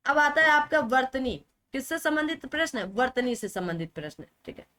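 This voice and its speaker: A woman's voice: high voice, animated, a little fast, sharp tone. A woman teacher giving an online exam-prep lesson, repeating words over and over and asking and answering her own questions.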